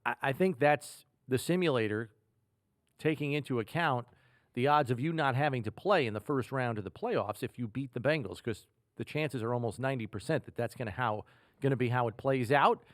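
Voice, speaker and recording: This American man hosts a football podcast, breaking down stats in a calm, analytical, conversational style. He has a mid-range voice, and the studio-quality sound carries no room noise.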